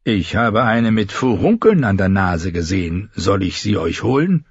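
A man voicing a cocky, blunt sellsword in an audiobook reading, close to his own low voice. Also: big pitch swings, moderate pace, breathy edge, no echo, heavily acted. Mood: mocking. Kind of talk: audiobook character voice. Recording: dull lo-fi recording.

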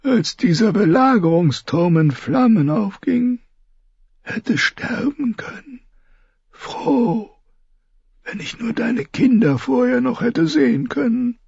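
A man voicing a frail, dying old lord who speaks in a thin, trembling whisper with halting, wandering sentences, in an audiobook reading. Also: extremely high pitch, expressive, vocal fry, darkish tone, husky, no room sound, highs cut off, pitched above the performer's own voice, heavily acted. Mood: wistful.

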